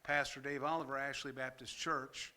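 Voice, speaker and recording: An older man, a pastor and former fire chaplain, telling an earnest story at a church workshop, pausing often and growing emotional at times. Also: medium pitch, flat delivery, sharp tone. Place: church meeting room.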